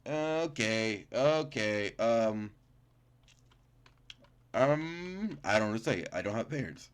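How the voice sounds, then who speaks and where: Slow and clean-toned, this mid-range male voice has lively intonation. He reads game text aloud in gaming-YouTuber fashion, stumbling, self-correcting, and dropping casual reactions.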